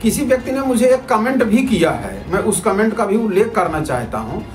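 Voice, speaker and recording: A male citizen journalist with a high, sing-song voice speaks fairly quickly in an informal video report to viewers. He is argumentative and repetitive and keeps asking rhetorical questions, with roomy echo and music underneath.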